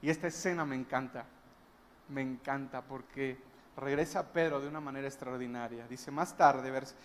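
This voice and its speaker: A man's voice: medium pitch, fairly even intonation, normal speed, slight background noise. A man preaching a sermon as a guest pastor, retelling a story emphatically and breaking into wondering exclamations.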